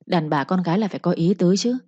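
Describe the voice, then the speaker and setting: A woman's voice: fairly low pitch, quick pace, mellow, breathy edge, no room sound, muffled recording. A woman voicing a harsh young mistress who scolds and threatens her servant with contempt. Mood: scolding.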